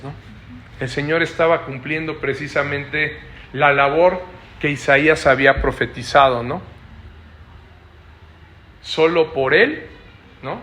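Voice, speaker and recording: A man's voice: fairly high pitch, fairly bright tone, slight background noise. A man preaching a Bible study, explaining a passage and checking in with his listeners with constant rhetorical questions.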